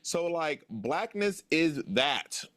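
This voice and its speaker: An American man in his late thirties, an author giving an interview, speaks slowly in a fairly high, sing-song voice with a slightly bright quality. His manner is earnest and musing, and he repeats phrases for emphasis.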